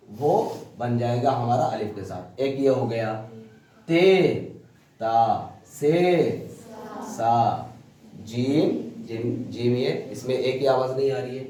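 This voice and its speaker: A man teaching a class, who explains things slowly step by step and keeps quizzing his students. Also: medium pitch, warm tone, slight background noise. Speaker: tajweed teacher. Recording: echoey room, distant mic.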